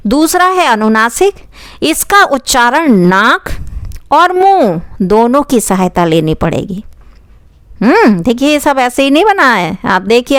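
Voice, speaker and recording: Woman grammar teacher, smooth and fairly high voice, keeps quizzing the viewer and answering herself, dry close recording. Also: a bit bright, dry recording. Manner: asks questions to the viewer and answers them herself; says sounds aloud slowly and repeats them for the viewer. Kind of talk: exam-prep grammar lesson.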